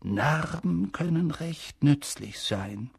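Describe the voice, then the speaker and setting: A wise, elderly wizard who speaks in a measured, gentle and unhurried way, as a narrator puts him on. The voice is gravelly and husky, and it is recorded dry and close. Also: male voice, fairly high pitch, lively intonation, no echo, pitched above the performer's own voice, heavily acted. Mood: calm. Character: wise calm elderly male wizard headmaster. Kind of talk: audiobook character voice.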